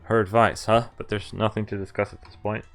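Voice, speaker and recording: A man on the low side, speaking fairly quickly with a flat delivery, streams a visual novel and reads it out loud. In between, he laughs and drops casual remarks laced with mild swearing, all over background music.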